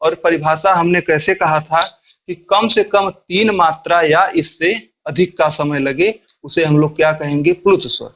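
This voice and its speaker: A man teaching a grammar class, explaining step by step in a slow, deliberate way and asking questions that he answers himself. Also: on the high side, fairly bright tone. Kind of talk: Hindi grammar lesson.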